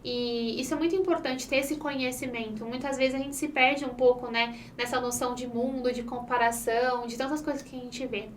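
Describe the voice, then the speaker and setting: An upbeat young Brazilian woman hosts a relaxed podcast conversation, quick to chat and laugh. Her voice sits high and is picked up from a little way off the mic, with a light hiss underneath. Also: distant mic. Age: 20s. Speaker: podcast host.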